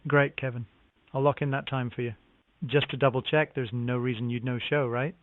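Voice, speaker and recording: This is a man doing real estate sales by phone, his medium-pitched voice fairly even in intonation and normal in speed. He stays polite and scripted, offering formulaic acknowledgements, and the line sounds narrow and tinny.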